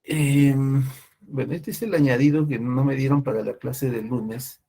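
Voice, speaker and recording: A man's voice: medium pitch, fairly even intonation, unhurried, vocal fry, mellow. A man teaching a class, explaining step by step and constantly checking in with his listeners. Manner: explains with frequent "¿no?" and "¿ya?" checks, restarts. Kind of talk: classroom lecture.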